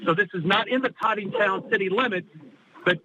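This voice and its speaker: Through a dull, lo-fi phone line with clear noise around it comes a fairly high-pitched man. He is a field reporter giving a live damage report from the roadside, and he speaks haltingly as he works out the details. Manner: halting, hesitant delivery as he gets his bearings. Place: roadside at a storm-damage scene. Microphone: phone call.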